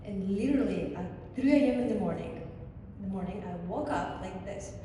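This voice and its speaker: A woman from Chile with a Chilean Spanish accent, a native Spanish speaker, talking casually to an audience as a guest artist, animated, with many restarts. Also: mid-range voice, fairly quick. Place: church hall. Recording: distant echoey hall with faint noise.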